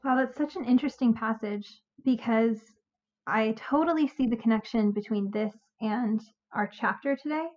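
Curious higher-voiced woman, lo-fi sound. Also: normal speed, darkish tone. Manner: curious, reflective. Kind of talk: casual discussion. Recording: dull lo-fi audio.

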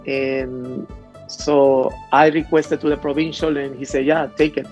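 A man from Mexico, a priest guest in a conversational interview, speaking in a hesitant, halting way with many restarts. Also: medium pitch, flat delivery, a little mellow. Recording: slightly dull audio with faint music.

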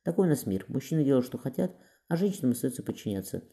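A man reading a gentle, caring woman friend. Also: medium pitch, very animated, quick pace, vocal fry. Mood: soothing. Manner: soothing, gentle.

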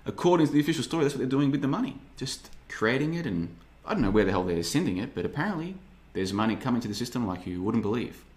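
This thirtysomething podcast host delivers a casual livestream monologue in a medium-pitched, sing-song voice with a darkish tone. He talks fast with few pauses, rambling sarcastically and mocking people in put-on voices.

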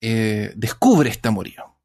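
A man's voice: fairly low pitch, animated, measured pace, darkish tone. A man casually retelling a myth in conversation, rambling and self-correcting as he goes. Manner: rambling with many fillers and restarts, self-correcting.

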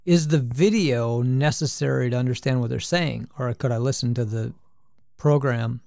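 A man's voice: mid-range voice, moderate pace, creaky, darkish tone, no room sound, clean studio sound. A man co-hosting a podcast, chatting casually, rambling with frequent restarts and hesitations. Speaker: podcast co-host. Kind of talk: casual chat.

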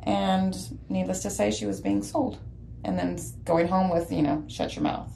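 A woman's voice: mid-range voice, fairly even intonation, normal speed, gravelly, dark tone, slight background noise, low-quality recording. A woman in her forties, from Texas, co-hosting a podcast in casual chat and talking in a loose way with many fillers and restarts. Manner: conversational, with many fillers and self-corrections. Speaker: podcast co-host.

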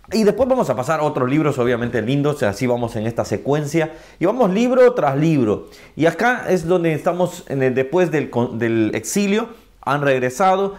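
A man teaching a chapter-by-chapter Bible reading, gentle and unhurried, with slow emphatic stresses. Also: a little high.

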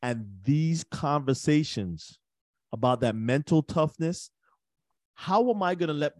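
A man hosts a podcast with a voice pitched a little high, recorded close and dry. He talks earnestly and halts often as he works his thoughts into questions. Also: lively intonation, darkish tone, no echo. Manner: earnest, halting, many restarts. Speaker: podcast host. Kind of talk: casual interview chat.

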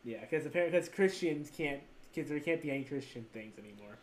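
A man's voice: a little high, expressive, quick pace. A young man co-hosting a podcast in casual chat, giggling and laughing often. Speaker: podcast co-host.

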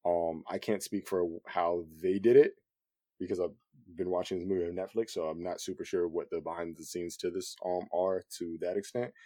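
A man with a low, mellow voice talks through his camera work in a loose, easygoing podcast chat. He rambles, piling on fillers and restarts. The sound is dry and close, with no room around it. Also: normal speed, no echo. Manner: relaxed, rambling, many fillers. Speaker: cinematographer guest. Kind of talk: casual podcast conversation.

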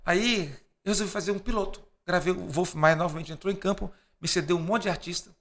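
Fast-talking gravelly man telling stories. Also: high-pitched. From Brazil. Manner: acts out dialogue in quoted voices; lively storyteller, laughs between lines. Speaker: podcast guest. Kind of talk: animated anecdote telling.

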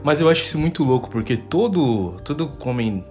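A Brazilian man co-hosting a casual podcast chat, relaxed and slangy, with many fillers. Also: medium pitch, brisk, faint music behind. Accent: Brazilian Portuguese. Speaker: podcast co-host.

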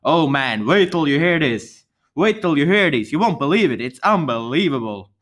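A man acting an excitable, naive boy who pleads urgently and repeats himself, in an amateur dramatic read-through. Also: on the high side, moderate pace. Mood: excited, pleading.

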